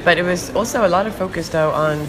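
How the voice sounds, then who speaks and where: A woman's voice: fairly low pitch, quick pace, crowd noise, low-quality recording. A woman who is a native Swedish speaker, hosting a podcast in a casual, conversational interviewing style.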